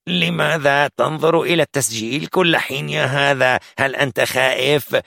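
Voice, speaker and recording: A man voicing a harsh, threatening armed gangster interrogating a captive, in a gravelly, raspy voice. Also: on the low side, very animated, normal speed, fairly bright tone, dry recording, studio quality, exaggerated voice. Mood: menacing. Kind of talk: audiobook narration.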